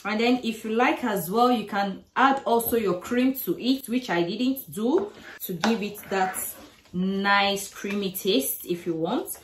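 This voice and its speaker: A woman's voice: medium pitch, measured pace. A middle-aged woman casually explaining each cooking step to the camera in her home kitchen, recorded by a camera across the room. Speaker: cooking vlogger. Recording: echoey kitchen, faint noise.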